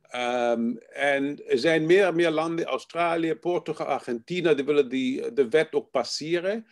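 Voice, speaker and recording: A man in his fifties speaking in an online meeting from a room at home, halting with many fillers and slipping in English terms. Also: on the high side. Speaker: panel speaker. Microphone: video call.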